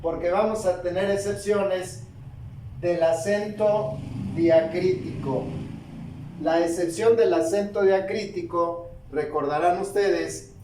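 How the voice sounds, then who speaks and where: A man teaching a spoken grammar lesson, slow and deliberate, asking questions and answering them himself. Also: sits high, steady tone, warm tone, recorded from a distance, slight background noise. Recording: echoey room, voice from off-mic.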